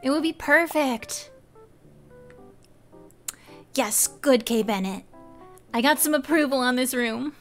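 Giggly high-voiced woman streamer. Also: slow pace, pauses often, a bit bright, faint music behind. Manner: giggly, chatty, talks to chat. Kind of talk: casual live game commentary.

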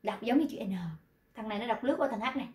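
A woman's voice: on the high side, very fast, a little mellow. A woman teaching a pronunciation lesson, patiently explaining step by step and repeating her examples. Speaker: Korean language teacher. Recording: roomy echo.

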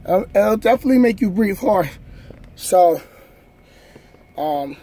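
In a husky, high-pitched voice, a man in his thirties chats with viewers from the sleeper cab of his truck, slowly and relaxedly walking through a bunk workout. The casual vlog is shot on a phone camera on a stand nearby.

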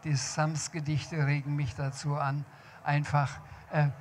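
A man's voice: on the high side, level tone, measured pace, a little hiss or hum, lightly acted. A man voicing a modest, courteous grown-up man who likes to rhyme. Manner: modest and polite.

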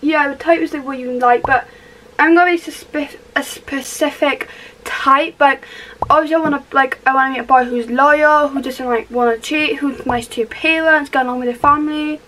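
A woman's voice: high-pitched, steady tone, moderate pace, sharp tone, slight background noise, poor audio. A Welsh teenage girl chatting in a rambling, upbeat way while doing her makeup in her bedroom, talking to the camera. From Wales. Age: teens. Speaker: vlogger. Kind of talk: casual get-ready-with-me chat. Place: small bedroom indoors.

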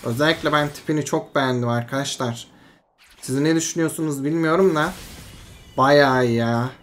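Excitable gamer narrating own match. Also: medium pitch, a little fast. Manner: excitable, swings between frustration and hype, talks himself calm. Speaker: game streamer. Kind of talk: live gameplay commentary.

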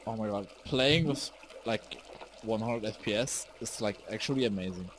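A young man streaming a game live, rambling casually, easily startled, swearing and shouting at enemies. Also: fairly low pitch, normal speed, a little hiss or hum. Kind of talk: live gameplay commentary.

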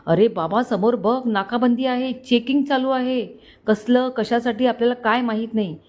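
A woman's voice: on the high side, a little mellow, close to an everyday voice. Jitu, a woman voicing a flustered young driver. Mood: anxious. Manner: flustered, hurried. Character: anxious young man driving a tempo.

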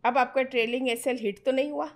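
A middle-aged woman with a high-pitched, fairly even and fairly quick voice mentors a student on trading. Her conversational teaching is direct and firm, sprinkled with English phrases.

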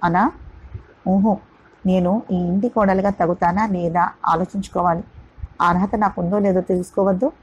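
A woman voicing a shy, thoughtful young woman weighing a marriage proposal, hesitant and husky. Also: lowish voice, steady tone, normal speed, lo-fi sound.

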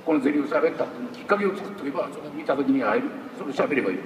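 A man talking casually on stage at a live talk event, telling stories in a chatty way. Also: rapid-fire. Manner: chatty, storytelling, lively pitch swings. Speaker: voice actor guest at a talk show. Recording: echoey hall, far from the mic, faint hiss.

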